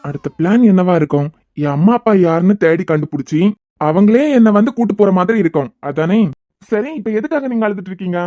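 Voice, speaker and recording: A woman's voice: mid-range voice, brisk, darkish tone, no room sound, dull audio, close to an everyday voice. A woman voicing a cheeky, teasing young man in a cartoon series, with a Kanyakumari Tamil accent. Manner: teasing, sarcastic.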